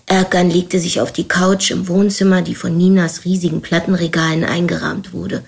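A woman narrating a crime thriller audiobook in a brisk, dramatic way. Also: fairly low pitch, flat delivery, gravelly. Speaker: audiobook reader. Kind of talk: scripted narration.

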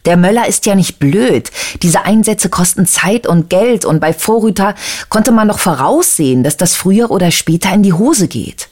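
A man's voice: high voice, expressive, moderate pace, darkish tone, pitched above the performer's own voice. A reader voicing an insistent, agitated male detective who keeps pressing with questions, in an audiobook. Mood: probing.

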